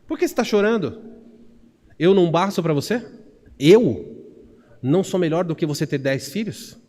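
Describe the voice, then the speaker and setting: A man's voice: sits high, lively intonation, normal speed, dark tone. A Brazilian man voicing a husband who reproachfully questions his weeping wife. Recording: long church reverb.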